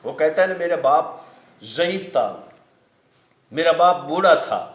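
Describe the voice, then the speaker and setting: A man with a slightly high voice speaks in an earnest, emphatic, preachy way, telling a moral story. He swears oaths to stress that his story is true. The room around him is echoey. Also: animated.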